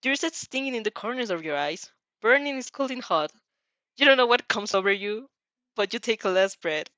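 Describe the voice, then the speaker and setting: A woman with a high, bright and forceful voice reads second-person fan fiction in an animated, theatrical way, reacting as she goes at normal speed. The recording is dry and lo-fi.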